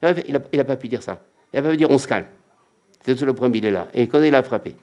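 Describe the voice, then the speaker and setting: A man's voice: medium pitch, racing, warm tone, dull audio. A man giving a religious lecture as a rabbi, emphatic and repetitive, often acting out quotes.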